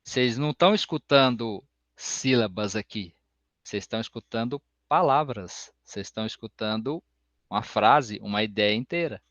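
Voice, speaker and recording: A man giving an open music class, explaining slowly and breaking into sung solfège syllables. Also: lowish voice, expressive, a bit bright, dry recording. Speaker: music teacher. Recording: dull, lo-fi sound.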